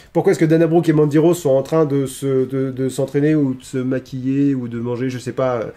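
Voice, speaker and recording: A man's voice: mid-range voice, steady tone, brisk, mellow. A man streaming a casual wrestling recap, chatty and hesitant, with frequent restarts. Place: home streaming setup. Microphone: streaming microphone.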